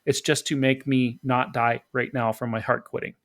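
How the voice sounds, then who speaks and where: A man's voice: mid-range voice, little pitch movement, moderate pace, fairly bright tone. A man co-hosting a casual discussion podcast, explaining his points methodically. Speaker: podcast co-host.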